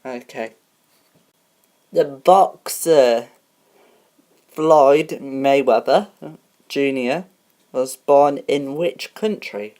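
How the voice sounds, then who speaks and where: A woman hosts a homemade game show parody in a very low voice. She speaks slowly and haltingly, with frequent ums and restarts as she reads out rules and questions. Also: dark tone.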